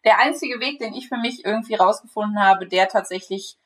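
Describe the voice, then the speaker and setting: A woman's voice: mid-range voice, a little fast, fairly bright tone. Chatty woman author with restarts. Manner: chatty, many restarts and laughs, swears casually. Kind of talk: casual podcast chat.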